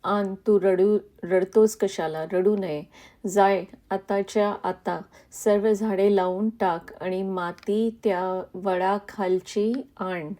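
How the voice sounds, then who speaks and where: A woman's voice: mid-range voice, fairly even intonation, slow, dark tone, natural voice. A woman reading as a consoling elderly holy man. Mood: soothing. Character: revered elderly male saint, stern yet consoling.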